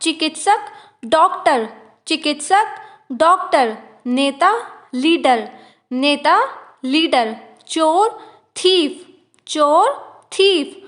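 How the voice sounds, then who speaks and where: A woman, teaching vocabulary and repeating each word pair slowly and clearly. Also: high voice, lively intonation, a bit bright. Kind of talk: slow, deliberate word-by-word vocabulary lesson.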